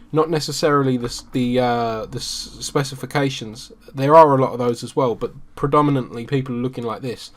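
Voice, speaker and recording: A man from the UK, teaching a screen-share marketing tutorial in a relaxed, conversational way with frequent ums. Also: mid-range voice. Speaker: SEO marketing instructor.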